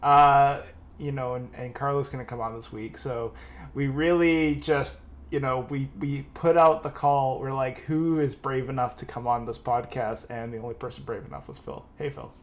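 A man's voice: mid-range voice, steady tone, normal speed. A man hosting a comedy podcast, joking around and reading listener emails aloud. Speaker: podcast host. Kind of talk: casual comedic podcast chat.

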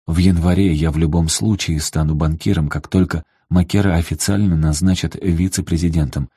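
Male narrator doing an enraged young son, low husky voice, bitter and shouting. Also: dry recording, studio quality. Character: furious young man, betrayed son.

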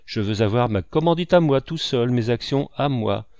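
A man's voice: mid-range voice, animated, moderate pace, darkish tone, dry recording, clean studio sound, lightly acted. A man voicing a cynical, greedy male swindler who talks in a brash, mocking way. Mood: scheming.

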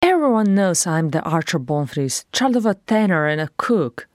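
Voicing a blunt, impetuous dwarf woman, a woman grumbles and complains in a higher, more emphatic voice than her narration. The delivery is very animated at a moderate pace with a darkish tone. The studio-clean recording has no room sound.

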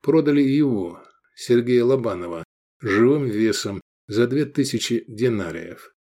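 A male audiobook narrator reading in a steady mid-range voice. His intonation rises and falls vividly, giving the prose an animated, storytelling feel. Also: medium pitch, a little slow. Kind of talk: scripted narration.

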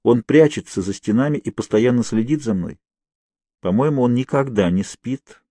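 A man voicing a frightened young woman held captive, speaking in a hushed, halting way. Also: medium pitch, no room sound, natural voice.

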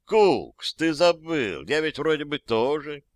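A rustic soldier's ghost voiced by a man, pitched well above the reader's own voice. He talks in a folksy, respectful way, and the sound is close and dry. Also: sing-song, takes it slowly, no echo. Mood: eager, deferential. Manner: folksy, deferential, rustic speech. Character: ghost of a plain-spoken old-time soldier. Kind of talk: audiobook character voice.

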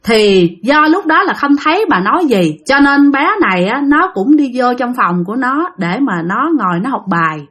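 A woman's voice: a little high, expressive, moderate pace, few pauses, fairly bright tone. A woman telling a ghost story in a casual, chatty way, often speaking straight to her listeners. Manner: chatty, addresses listeners directly.

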